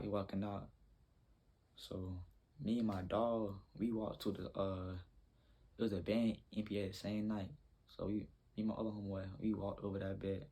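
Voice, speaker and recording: A man's voice: deep voice, gravelly, mellow, husky. A young man telling a rambling, slangy story in a casual storytime vlog.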